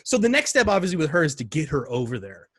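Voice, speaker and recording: A man in his thirties telling a story in casual podcast chat, animated and acting out quoted lines in a higher voice. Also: quick pace. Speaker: podcast guest.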